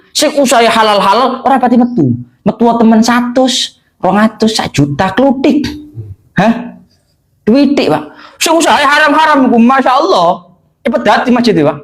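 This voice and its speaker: Lively high-voiced preacher. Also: male voice. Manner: conversational preaching, mixing Javanese and Indonesian, frequent "hah?" checks. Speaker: religious teacher. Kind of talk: religious lesson to a congregation.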